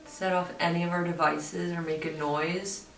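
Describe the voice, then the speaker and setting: A woman's voice: on the low side, flat delivery, normal speed, faint music behind. A woman talking casually as she investigates the paranormal for a vlog, speaking in an incredulous, informal way. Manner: swears in disbelief. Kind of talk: casual ghost-hunt vlog chat. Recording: roomy, distant mic, faint noise.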